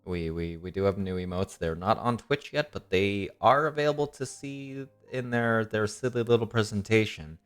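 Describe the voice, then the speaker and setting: A young man with a fairly low, clear, resonant yet slightly nasal voice hosts a tabletop game as dungeon master, recapping events at a moderate pace with hardly any pauses and lots of ums and uhs. He is recovering from illness and tooth surgery, and soft music plays in the background.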